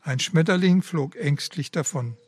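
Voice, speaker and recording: A man's voice: a little high, a little slow, breathy edge, dry recording. A man giving a devotional talk in a solemn, reverent way and reading a story aloud. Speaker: preacher.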